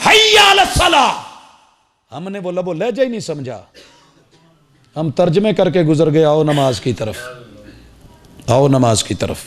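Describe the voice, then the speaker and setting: Fiery male preacher, high shouted peaks. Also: lively intonation, long pauses. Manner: swings between low storytelling and loud shouted calls; rhetorical questions, repeated phrases. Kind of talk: sermon.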